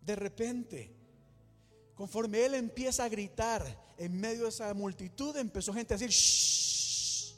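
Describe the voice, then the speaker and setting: A man's voice: sits high, normal speed. A male pastor preaching a sermon in a church, emphatic, with dramatic build-ups and repeated exclamations. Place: church hall. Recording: church hall reverb with soft music.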